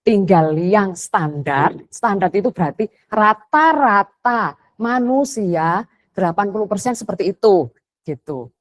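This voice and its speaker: Lively chatty woman teaching parents. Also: medium pitch, a little slow. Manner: chatty, mixes English phrases, acts out quotes. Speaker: parenting educator. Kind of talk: parenting seminar talk.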